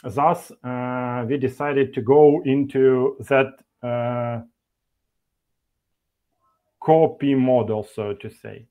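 A man presents over a video call, speaking slowly and deliberately at a middle pitch. He pauses often, filling the gaps with hesitations and restarting phrases. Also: fairly even intonation, warm tone. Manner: halting, many fillers and restarts. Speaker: conference speaker from an e-learning developer. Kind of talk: online meetup presentation.

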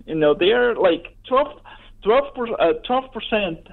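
A man with a fairly high voice calls in to a talk show. He speaks casually and hesitantly, full of fillers, through a narrow-band telephone line. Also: expressive, gravelly. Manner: hesitant, halting, many fillers. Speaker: radio phone-in caller. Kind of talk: casual chat. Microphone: telephone call.

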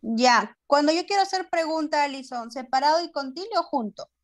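A woman's voice: high voice, expressive, moderate pace. A woman teaching young pupils, patiently going over each step and checking with questions. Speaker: primary school teacher.

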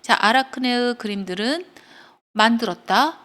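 A woman's voice: a little high, moderate pace, sharp tone. Korean woman teaching English grammar. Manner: explains step by step, checks in with students. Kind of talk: grammar lecture with storytelling.

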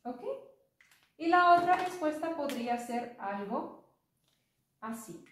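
Woman teacher, slow patient explaining, higher voice, echoey room, off-mic. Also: expressive, a bit bright, distant mic. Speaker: English teacher. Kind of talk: online English lesson.

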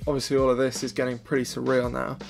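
A man's voice: mid-range voice, completely flat delivery, quick pace, gravelly, faint music behind. A young man chatting casually and explaining his photo editing step by step, self-deprecating. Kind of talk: casual vlog and editing tutorial.

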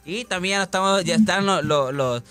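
A man's voice: high-pitched, lively intonation, brisk, pushed and bright, smooth, no room sound, soft background music. A man with a Honduran accent, co-hosting a comedic radio show and joking along with the host. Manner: joking, laughing along, interjecting.

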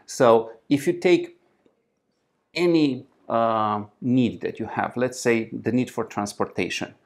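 A man, giving conversational interview answers. He talks in a halting way, restarting phrases and filling pauses with "uh" and "um." His pitch sits at an ordinary middle level, recorded indoors in a small conference room. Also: gravelly. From Romania. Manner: halting, frequent restarts and fillers, gestures while talking. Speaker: startup founder guest.

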